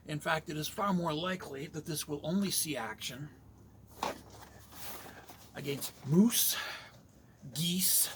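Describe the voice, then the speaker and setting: A man from Canada talking in a slow, measured, somewhat preachy monologue. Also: fairly high pitch, background noise. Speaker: vlogger.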